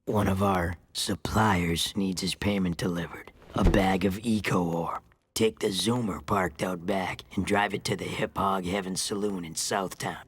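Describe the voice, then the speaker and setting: Low husky resistance boss. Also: male voice, steady tone, measured pace. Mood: curt, brisk. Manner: curt, authoritative. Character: gruff, commanding male underground resistance boss. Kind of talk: video game voice acting.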